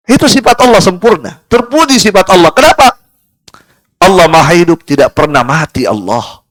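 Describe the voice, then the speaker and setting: In a prayer room, a high-voiced man leads a live study class on Quran exegesis, lively and rhetorical, repeatedly asking his listeners why and then answering himself. He recites Arabic verses in a slow chant, and the recording has no room sound.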